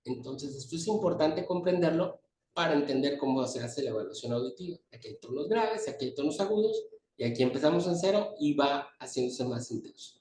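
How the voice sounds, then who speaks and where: Male conference lecturer, slightly high voice, echoey hall, mic set back from him. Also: expressive, a little fast, a little mellow. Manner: explanatory, pointing at slides. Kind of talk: medical lecture. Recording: echoey hall, distant mic, faint noise.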